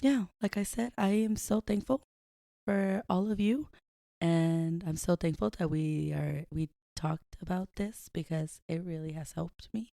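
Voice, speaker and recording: A woman's voice: fairly low pitch, unhurried, vocal fry, dark tone, dry recording. A woman co-hosting a casual podcast chat with a sore, dry throat, dropping Spanish words into her talk. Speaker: podcast co-host.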